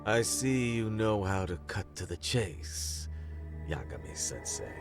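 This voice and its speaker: Deep, smug police official. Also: male voice, big pitch swings, slow, full character voice. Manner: polite, smug, veiled threat. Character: smug, menacing senior male security police official. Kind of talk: dubbed video game drama acting. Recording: music behind the voice.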